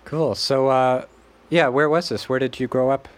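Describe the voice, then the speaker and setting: A man's voice: medium pitch, fairly even intonation, moderate pace. A man from Western Massachusetts hosting a casual interview, asking curious, friendly questions. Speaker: podcast host.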